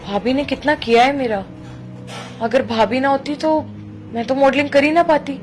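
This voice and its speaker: A high-voiced young woman, as an actress plays her in a web drama, coaxing and apologetic, chattering on to her sister-in-law. Clear background score music plays behind her. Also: steady tone, moderate pace, natural voice. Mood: pleading, apologetic. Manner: pleading, chatty, wheedling.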